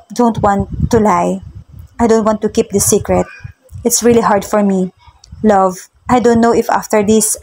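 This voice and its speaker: A woman voicing a tearful young man who haltingly pleads with his wife, reading a storybook romance aloud. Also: mid-range voice, dark tone, a little hiss or hum, close to an everyday voice, poor audio.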